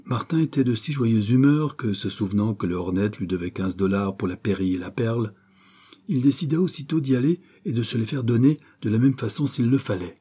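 A man reading a novel aloud as an audiobook narrator, in steady storytelling. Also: mid-range voice, fairly quick, breathy edge. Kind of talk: scripted narration.

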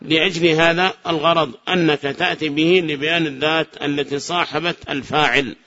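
A man teaching a classroom grammar lesson. He asks the class questions, answers them himself, and repeats the key phrases slowly. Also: a little high, steady tone, bright, forceful tone. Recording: dull lo-fi lecture recording.

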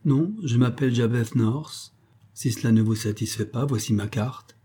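A curt, respectable young gentleman, read by a man in his own dark voice, speaking a little higher and sharper than the narration. The tone stays husky and mellow under the impatience, as in an audiobook. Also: normal speed, natural voice. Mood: placating. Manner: curt, dismissive. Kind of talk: audiobook character voice.

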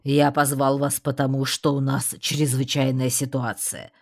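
A woman voicing a bossy young male rat in an audiobook, speaking in a brisk, commanding way. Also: rumbling low, little pitch movement, exaggerated voice.

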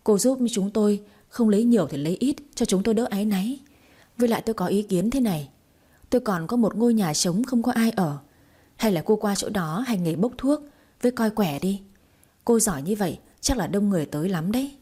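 A woman's voice: medium pitch, animated, fairly quick, dark tone, breathy edge. A woman voicing a gracious middle-aged mandarin's wife in a storybook reading, speaking in a coaxing, persuasive way.

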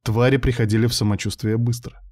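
A man reading a first-person audiobook with steady, even storytelling. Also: mid-range voice, quick pace. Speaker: audiobook narrator.

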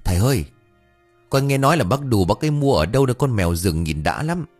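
A man voicing a cheeky, gossipy young village man who talks high and whiny, speeding up when upset. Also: animated, a little fast, darkish tone, soft background music, natural voice. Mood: chatty.

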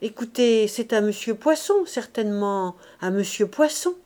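A woman's voice: on the high side, lively intonation, moderate pace, mellow, close to an everyday voice. A woman doing a sly, amiable older lady. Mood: flattering. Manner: amiable, discreetly saucy. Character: flattering middle-aged woman, slyly suggestive.

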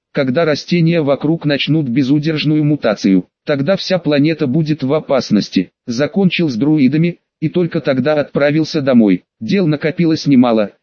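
A man's voice: on the high side, no echo. A man steadily narrating a first-person fantasy audiobook in a matter-of-fact way, in a dull, slightly lo-fi recording.

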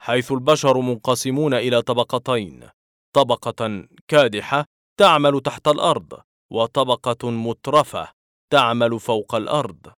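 A man's voice: medium pitch, moderate pace, a bit bright, smooth, no room sound, natural voice. A man voicing a stern middle-aged office director who scolds in a firm, dry tone. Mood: cold.

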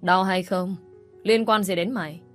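A woman reading the lines of a spiteful young woman who scolds harshly, with a slightly low voice. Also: steady tone, a little slow, soft background music, close to an everyday voice. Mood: scolding. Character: spiteful scheming young woman, shrill bully.

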